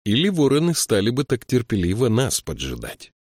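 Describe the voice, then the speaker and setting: A man reading the part of a small, calm troll in an audiobook, measured and matter-of-fact. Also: medium pitch, dry recording, pitched above the performer's own voice. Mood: thoughtful. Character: small wise male troll, calm and practical.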